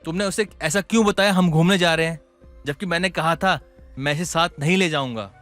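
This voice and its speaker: A man's voice: on the high side, fairly quick, a bit bright, close to an everyday voice. A man voicing a firm, reproachful husband who defends his brother. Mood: stern. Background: background music.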